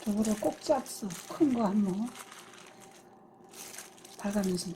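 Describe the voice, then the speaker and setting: An older woman, a mother, chatting casually in a home kitchen and giving brisk, matter-of-fact cooking instructions. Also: medium pitch, animated, mellow, a little hiss or hum.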